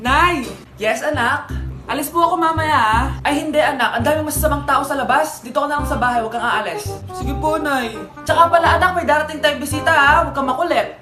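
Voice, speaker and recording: A woman with a Filipino accent performs comedy skits in a very high voice, switching between a bratty child and a scolding mother. The room sounds echoey, and loud music plays under her. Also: fairly quick. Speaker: comedy sketch creator. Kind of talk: comedic skits playing several family roles.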